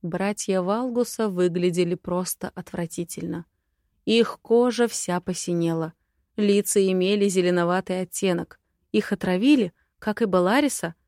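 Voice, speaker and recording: A woman reading a first-person fantasy story aloud in an unhurried, even way. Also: on the low side, no room sound, studio quality. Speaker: audiobook narrator.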